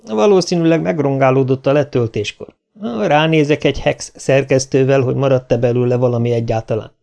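A man doing a quick helpful woman programmer. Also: mid-range voice, vocal fry, warm tone, lightly acted. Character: young female crew programmer, helpful.

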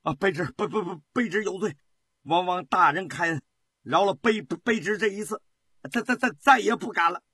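A man voicing a corrupt male official who stammers and pleads for mercy, in a husky, high, lively voice. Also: a little slow, dry recording, clean studio sound, heavily acted. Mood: begging.

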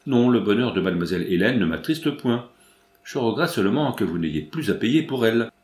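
A man voicing a polite, puzzled gentleman who answers with formal courtesy, recorded in a roomy space. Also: fairly low pitch, lively intonation, brisk, natural voice. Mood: courteous.

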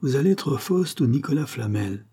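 A man's voice: mid-range voice, lively intonation, moderate pace, mellow, slightly rough, voice pushed up. A man voicing a haughty, scornful queen with a biting, contemptuous delivery. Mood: mocking.

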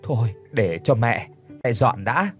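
A man voicing a frail, timid old mother in an audiobook, speaking softly and pleading. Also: mid-range voice, sing-song, unhurried, faint music behind. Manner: soft, trembling, pleading.

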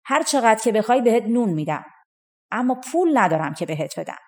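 A woman's voice: a little high, big pitch swings, a little mellow. A fussy farm steward from a storybook folk tale, prying and then fretting about money, as a woman reads him. He talks in little exclamations. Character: fussy male farm steward, stingy but chatty.

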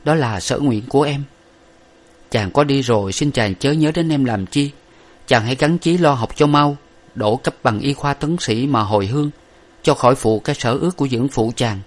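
A man voicing a tearful, devoted young woman in an audiobook of an old novel, pleading and gentle. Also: medium pitch, normal speed, voice pushed up, close to an everyday voice. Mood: sorrowful pleading.

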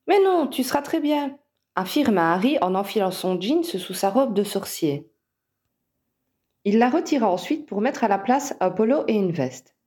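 Brief: female audiobook narrator, calm even delivery, dark warm tone. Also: medium pitch, moderate pace. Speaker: reader. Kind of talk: audiobook narration of fan fiction.

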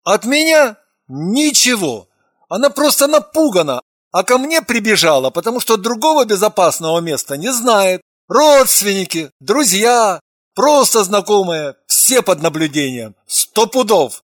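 A woman's voice: medium pitch, very animated, measured pace, no room sound, clean studio sound. A woman reading an audiobook, voicing a touchy, defensive young man who answers curtly and sulkily. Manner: curt, defensive, sulky.

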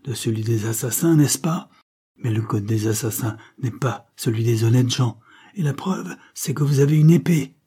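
A man's voice: medium pitch, normal speed, warm tone, husky. A man voicing a stern young doctor who coldly accuses and passes judgment, read in a storybook. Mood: scornful.

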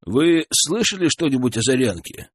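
Brief: man reading a polite, curious traveller, husky and animated. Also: mid-range voice, moderate pace. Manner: calm, polite, explaining.

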